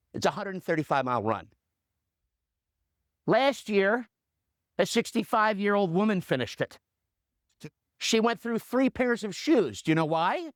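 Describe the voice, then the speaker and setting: A man in his fifties, a coach and radio host, telling a motivational story in an animated way with punchy repetition. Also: high-pitched, no echo, clean studio sound.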